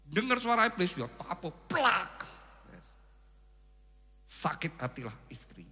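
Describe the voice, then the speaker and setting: A man preaching a wedding sermon, animated and acting out quoted husbands and wives. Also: sits high, slow, a little hiss or hum. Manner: animated preaching, acting out quoted spouses and mixing in Javanese phrases. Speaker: pastor. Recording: long hall reverb.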